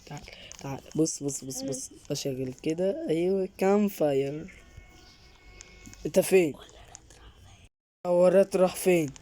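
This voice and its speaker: A woman's voice: on the low side, expressive, normal speed, pauses often, warm tone, slight background noise. A woman with an Egyptian Arabic accent improvising a casual game role-play, exclaiming, asking questions and repeating her phrases. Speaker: gamer making a role-play film in Roblox.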